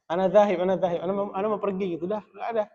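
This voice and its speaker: A male religious teacher leads a relaxed Arabic class in a mosque, joking and chuckling as he explains. His voice sits a little on the high side. The recording is dull and lo-fi. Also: rapid-fire. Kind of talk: casual classroom lesson. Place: mosque study room.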